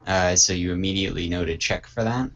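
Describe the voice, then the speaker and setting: A man running a tabletop game as game master, talking in halting bursts full of ums and restarts. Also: low-pitched, a bit bright.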